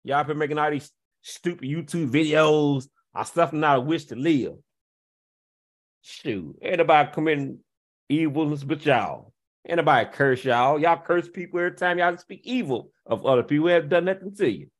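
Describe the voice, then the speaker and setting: High-voiced man ranting mockingly. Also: moderate pace. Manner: mocking, taunting rhetorical questions with scornful laughs. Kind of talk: confrontational rant to camera.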